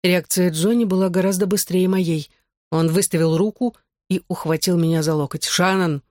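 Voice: mid-range voice, steady tone, normal speed, warm tone, no echo. Audiobook narrator, first-person novel, tense delivery, dry close mic.

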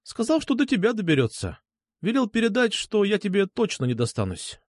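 A hurt, gentle woman teacher, speaking quietly and flatly through tears, as a male audiobook reader puts her on. The voice sits well above a man's usual pitch. It is recorded close and dry. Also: fairly quick, no room sound, full character voice. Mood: shaken. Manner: quiet, detached, tearful delivery. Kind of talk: audiobook character voice.

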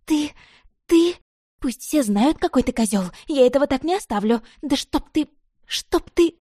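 A woman reading the part of a jealous, desperate young woman, voicing her shrill and pleading in an audiobook. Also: lively intonation, measured pace, dark tone, no echo, clean studio sound. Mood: heated, pleading. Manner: shrill, pleading then furious.

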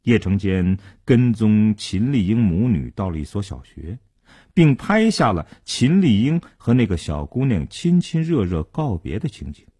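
A male storyteller with a low, warm, husky voice who swings his pitch widely for drama. His narration sounds close and dry, with no room echo. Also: very animated, a little slow. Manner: dramatic, widely varied delivery.

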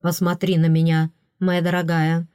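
A woman reading an audiobook, voicing a calm, teasing young male crown prince in a slow, measured, dryly ironic way. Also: on the low side, clear, resonant tone, dry recording, studio quality, close to an everyday voice. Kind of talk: audiobook character voice.

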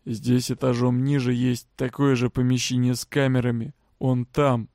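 A man voicing a gruff adult male prisoner who talks in a blunt, offhand way. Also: mid-range voice, little pitch movement, normal speed, darkish tone, no room sound, studio quality, close to an everyday voice.

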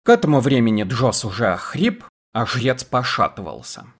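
Husky-voiced male audiobook narrator. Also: medium pitch, very animated, moderate pace. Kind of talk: scripted narration.

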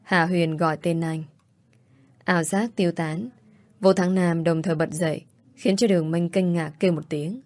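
A woman reading an audiobook story aloud in a steady, even narrating voice. Her pitch sits a little low. The recording is close and dry. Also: moderate pace, no echo.

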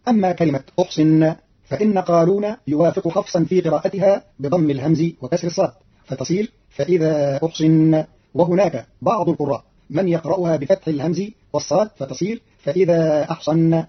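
A man reading a scripted explanation as a radio announcer, brisk and matter-of-fact, quoting short phrases in a slower chanted tone. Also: on the high side, breathy edge. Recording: dull lo-fi radio archive recording.

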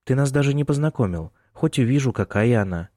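A man's voice: medium pitch, lively intonation, fairly quick, mellow, no echo, clean studio sound, pitched above the performer's own voice, natural voice. A man doing a fussing, anxious mother. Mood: worried, fussing. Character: worried, fussing middle-aged mother.

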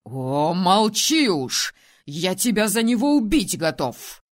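A woman reading an audiobook and voicing a hoarse, furious male ruler who shouts and snaps. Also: sits low, animated, unhurried. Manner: shouting, snapping, biting.

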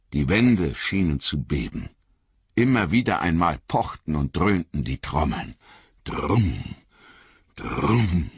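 A man with a very deep, husky voice reads an audiobook in a dramatic, expressive way, his pitch swinging widely. The sound is dry, with a bright edge, but slightly dull and lo-fi overall. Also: no room sound. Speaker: audiobook narrator.

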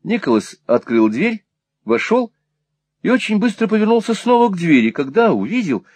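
Male audiobook narrator, very lively pitch, dry close sound. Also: moderate pace, dry recording. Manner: animated, rising and falling with the story. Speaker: audiobook reader.

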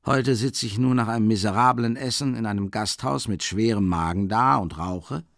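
A man's voice: fairly low pitch, normal speed, a bit bright, no echo, clean studio sound. A man reading an audiobook, voicing a worldly middle-aged man who talks in a raised, wondering, rambling way.

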